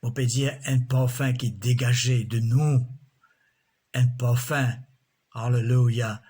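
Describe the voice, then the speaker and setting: A man preaching a sermon in a slow, measured way, often breaking in with alleluias. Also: mid-range voice, steady tone, warm tone, slightly rough.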